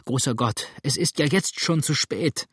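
A man's voice: mid-range voice, a little slow, fairly bright tone, slightly rough, dry recording, clean studio sound. A man voicing a frightened young woman who pleads in breathless, urgent bursts, in an audiobook reading. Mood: frantic pleading.

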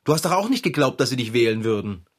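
Someone playing a laid-back cat owner, teasing and patient, husky voice that jumps around in pitch, kids audio play. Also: big pitch swings, fast talker. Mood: curious. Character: patient, good-natured cat owner who runs a shop. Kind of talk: children's audio drama.

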